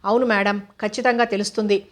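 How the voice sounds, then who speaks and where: A woman's voice: medium pitch, steady tone, brisk, close to an everyday voice. A woman voicing a deferential male police officer who answers his superior respectfully in a storybook reading. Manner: respectful, keeps saying "madam".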